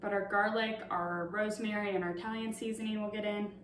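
Speaking fast in a steady, mid-range tone, a young woman shows how to make a dish in her home kitchen, talking through every step with lots of fillers. The recording is roomy and distant from a tripod camera far away, with slight background noise.

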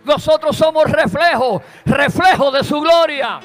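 A man with a Puerto Rican accent preaching a sermon in a church, fervent and building to shouted praise. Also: extremely high pitch, unhurried. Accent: Puerto Rican Spanish. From Puerto Rico. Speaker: pastor. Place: church sanctuary. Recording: long church reverb with instrumental music.

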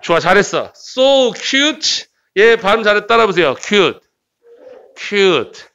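A man teaching English pronunciation in a lively, joking lecture style, jumping from loud bursts to quiet asides. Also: high-pitched, a little slow. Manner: playful, jokey, swings between loud bursts and quiet asides. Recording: dull lo-fi lecture recording.

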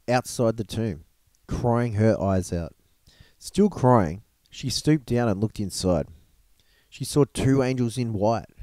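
A man reading a book aloud in an unhurried storytelling manner, with the odd slip and restart. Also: lowish voice, warm tone, dry recording. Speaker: reader of a storybook gospel.

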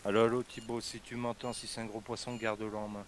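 A man's voice: fairly low pitch, flat delivery, fast talker, heavy background noise. A man chatting and teasing his friends over voice chat while playing a fishing game. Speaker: gamer commentating. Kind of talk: casual group chat over voice call.

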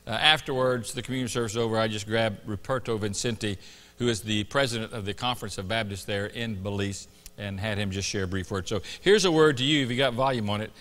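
A man's voice: lowish voice, fast talker, a bit bright. A middle-aged man giving a conversational church sermon as a pastor. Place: church sanctuary stage. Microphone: lapel. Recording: long hall reverb.

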